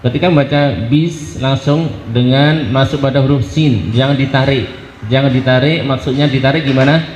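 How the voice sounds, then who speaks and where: A man teaching Quran recitation, explaining pronunciation and chanting each syllable slowly for a group to repeat. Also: medium pitch, fairly even intonation, darkish tone. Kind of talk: tajweed lesson with call-and-response drills. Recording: echoey hall, dull lo-fi sound, faint hiss.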